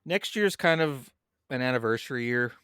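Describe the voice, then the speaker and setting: Podcast guy, smooth clear voice, dry close mic, reads notes then rambles. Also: medium pitch, animated, moderate pace, a bit bright, dry recording. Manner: reads background notes aloud, then chats loosely. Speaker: podcast co-host. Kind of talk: casual chat.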